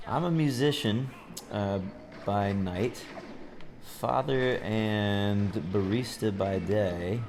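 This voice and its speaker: A man's voice: lowish voice, slow, background noise. A young man from Minnesota, raised in Tennessee, chatting casually and jokingly as a guest while playing a video game. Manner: laid-back, jokey. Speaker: guest musician. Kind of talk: casual chat while gaming.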